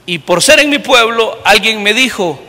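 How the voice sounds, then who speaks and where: A high, bright voice rings out as a pastor preaches to his congregation. He tells his story by acting out each person's lines and swings from loud to soft. His words trail off in the long reverb of a church. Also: expressive, normal speed. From Honduras. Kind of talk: sermon.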